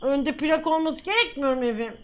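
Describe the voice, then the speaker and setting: Woman streamer, high voice, brash mock-stern gameplay commentary, playful scolding. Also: brisk. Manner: loud bursts and teasing asides.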